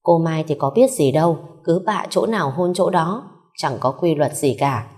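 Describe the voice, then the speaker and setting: A woman narrating a story in an even reading voice, giving the characters' lines a little more force. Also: deep voice, normal speed.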